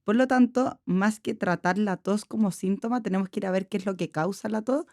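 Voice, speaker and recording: A Chilean-accented woman pediatrician explains calmly and at length on a podcast. Her voice is mellow and warm, recorded dry and close to the mic. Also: medium pitch, brisk, no room sound. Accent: Chilean Spanish. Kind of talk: casual medical chat.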